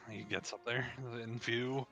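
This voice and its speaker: Male game player, very bright forceful tone with a gravelly creak, casual delivery. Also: medium pitch, fairly even intonation, unhurried, dull audio.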